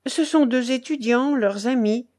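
A woman's voice: fairly high pitch, a little slow, a little mellow, voice pushed up, natural voice. Woman voicing a trembling young woman in a storybook. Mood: anguished. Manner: trembling, urgent pleading. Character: frightened young woman, pleading and guilt-ridden.

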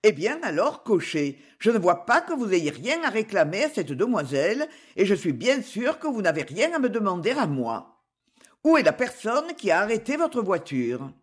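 A woman playing a measured, formal old lawyer. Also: medium pitch, sing-song, slightly rough. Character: fussy, fair-minded older male lawyer. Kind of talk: audiobook character reading.

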